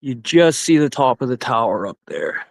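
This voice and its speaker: A man's voice: medium pitch, big pitch swings, moderate pace, gravelly, dry recording, low-quality recording. A Canadian man in his forties rambling casually and profanely on a live stream while hiking a forest trail. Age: 40s.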